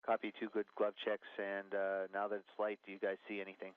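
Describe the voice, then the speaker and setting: Capsule communicator: a low-voiced man on a tinny radio loop, halting and full of fillers. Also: completely flat delivery, clear, resonant tone, no room sound. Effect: narrow radio link. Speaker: mission control capsule communicator. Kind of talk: radio calls to spacewalkers.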